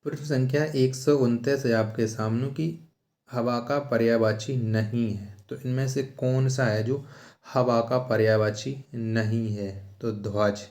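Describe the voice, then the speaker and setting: In an echoey room, a man teaches an exam question-and-answer lesson, going step by step and announcing every question and its answer. He repeats himself and keeps asking rhetorical questions. His voice is medium in pitch and darkish, with fairly even intonation and an unhurried pace.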